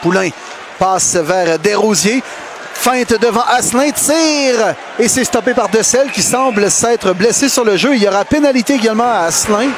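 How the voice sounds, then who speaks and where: A man with a Québécois French accent calling hockey play-by-play as excited sports commentary, shouting on big plays. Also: high-pitched, moderate pace. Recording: loud noise and crowd behind voice. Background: arena crowd and noise.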